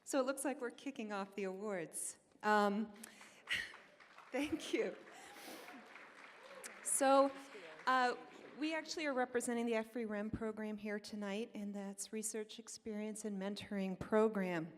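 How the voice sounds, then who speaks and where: A woman's voice: medium pitch, unhurried, a faint crowd, a little hiss or hum. A woman program manager speaking at a conference, a little nervous and informal. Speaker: program manager presenting awards. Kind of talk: conference speech. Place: large conference hall. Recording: hall reverb.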